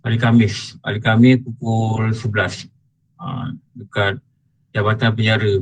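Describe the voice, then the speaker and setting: A middle-aged man with a Malaysian Malay accent giving an online religious lecture, chanting verses slowly and then explaining them in a casual teaching tone. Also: on the low side, level tone, rough recording.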